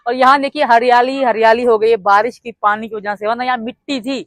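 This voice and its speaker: A woman's voice: a little high, steady tone, fairly quick, a bit bright, no echo. A woman chatting casually in a family vlog, reminiscing about childhood. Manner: reminiscing, conversational.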